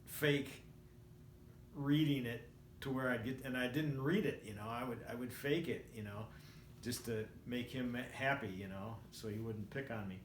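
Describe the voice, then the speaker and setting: Man in his sixties, echoey room, faint noise, medium pitch, casual reflective storytelling, halting rambling delivery. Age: 60s. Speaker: vlogger. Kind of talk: casual personal storytelling to camera. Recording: roomy echo, faint background noise.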